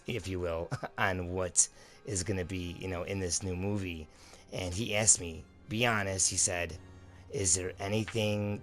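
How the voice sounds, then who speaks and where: A man with a very low, deep voice hosts his channel in a loose, excited way. He talks casually to his viewers and leans on "dude" and "guys" as he goes. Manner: enthusiastic, repeats "dude" and "guys". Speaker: channel host. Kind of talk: casual review chat.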